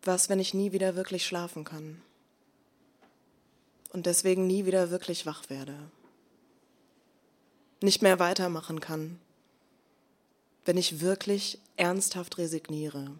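A woman performing an intense, bitter spoken-word monologue, dropping to hushed near-whispers and then rising to loud, forceful bursts. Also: fairly low pitch. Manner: bitter, confrontational.

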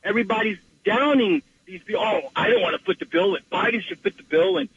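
A man's voice: sits high, big pitch swings, quick pace, gravelly, fairly bright tone, a little hiss or hum. A man calling in to a radio show over a phone line, ranting passionately and restarting often. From New York. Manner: impassioned, rambling rant with many restarts. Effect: caller heard over a phone line.

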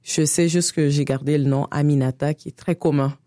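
A woman in her forties from Niger, with a Quebec French accent, telling her life story in a relaxed interview, full of hesitations and laughter. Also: low-pitched, brisk, no echo, studio quality. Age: 40s. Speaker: guest. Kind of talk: casual conversational interview.

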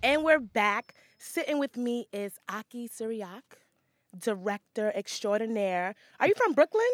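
A woman's voice: on the high side, big pitch swings, a little slow, no room sound. A woman hosting her own podcast, talking casually and motivationally to her listeners. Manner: upbeat and motivational, chatty. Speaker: podcast host. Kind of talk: casual solo podcast monologue.

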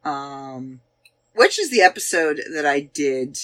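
Canadian woman, 40s, podcast host, lively pitch, bright tone, rambling casual chat. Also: takes it slowly. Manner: chatty, rambling, searching aloud with fillers. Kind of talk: casual chat looking back on past episodes.

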